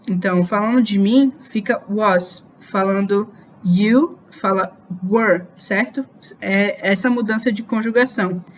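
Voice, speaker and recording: A woman teaching an online grammar lesson, explaining slowly and patiently, often stopping to check whether her students have questions. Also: mid-range voice, a little hiss or hum, poor audio. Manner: slows down to spell out English example phrases. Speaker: English teacher.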